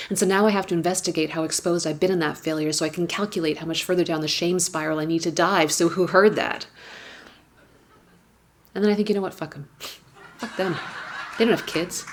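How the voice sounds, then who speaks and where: A woman, reading her own personal essay aloud on stage, wry and candid, with swearing and emphatic repetitions. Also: deep voice. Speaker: writer reading her work at an awards gala. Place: stage at a gala event.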